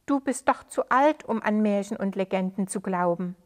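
A man's voice: high-pitched, moderate pace, natural voice. A woman voicing a loyal protective friend. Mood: steady.

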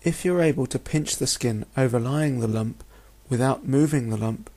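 A man's voice: mid-range voice, normal speed, mellow. A man giving a narrated lecture in a methodical, instructional manner, often posing questions as he explains. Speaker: medical lecturer. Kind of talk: narrated lecture over slides.

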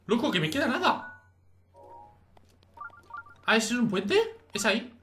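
A young man with an accent from Spain, giving casual, excitable gaming commentary to his chat and swearing freely. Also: very high voice, unhurried, soft background music. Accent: Spain Spanish. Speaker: streamer.

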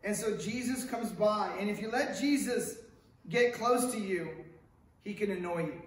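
A middle-aged man from Hollywood, California delivers a conversational sermon from a lectern in a stone-walled church sanctuary, animated, with wide hand gestures and questions for the congregation. His voice sits high and he talks a little slowly. There's a stand mic at the lectern, but the camera is far off, so the sanctuary sounds very echoey.

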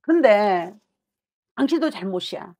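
A woman's voice: mid-range voice, animated, a little slow, darkish tone. A middle-aged woman fortune teller giving a reading on the phone, blunt and scolding, acting out her client's thoughts as she talks. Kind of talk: fortune-telling consultation. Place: small shrine office.

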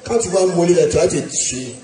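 A man's voice: fairly high pitch, brisk, mellow, a little hiss or hum, lightly acted. A man with an Ivorian accent playing a bossy, bragging woman friend in a live comedy sketch, with a raised woman's voice. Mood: boastful. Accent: Ivorian French. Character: boastful, scolding woman friend. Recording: echoey live stage, distant mic, faint music.

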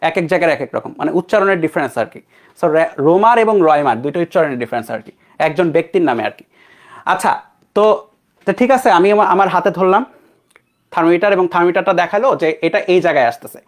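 A man's voice: sits high, expressive, rapid-fire. A young man from Bangladesh teaching an online physics class, talking casually and checking in with his students. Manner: conversational, checks in with students often.

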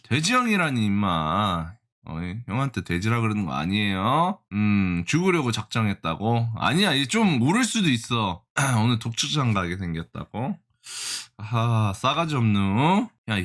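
A man's voice: lowish voice, very animated, a little slow, a bit bright. A young man giving live reaction commentary as he day-trades, exasperated and joking with his viewers and scolding the price chart. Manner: exasperated, talks to the chart, jokey banter with viewers. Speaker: stock-trading vlogger.

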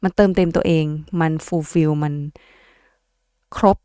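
A young woman reads tarot cards in a chatty, playful way, laughing as she talks to her viewers. Her voice sits a little low and sounds smooth and clear. The recording is close and dry. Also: fairly even intonation, slow pace, mellow, no room sound. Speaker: tarot reader and host. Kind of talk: casual tarot reading for viewers.

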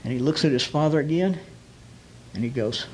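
A man preaching as a guest rabbi, retelling a scene vividly and slowing down to stress key phrases. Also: on the high side, slightly rough. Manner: vivid retelling, drops to slow emphatic phrases. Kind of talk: storytelling sermon.

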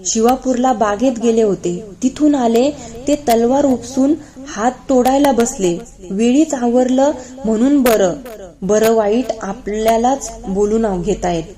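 A woman's voice: fairly high pitch, mellow, natural voice. A woman reading aloud, voicing a frightened female servant who reports alarming news anxiously. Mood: alarmed. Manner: anxious, hurried.

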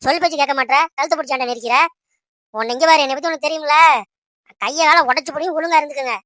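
A high, bright cartoon mother who is always scolding. She rattles along at speed, nagging and bossing her family about, as a woman acts her out. The sound is dry and close. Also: racing, no echo. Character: bossy scolding mother of grown children. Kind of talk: Tamil cartoon voice acting.

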